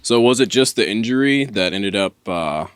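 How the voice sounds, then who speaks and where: A man's voice: on the low side, expressive, normal speed, clear, resonant tone, dry recording. A man hosting a podcast, giving brief affirmations and follow-up questions in a casual chat. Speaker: podcast host.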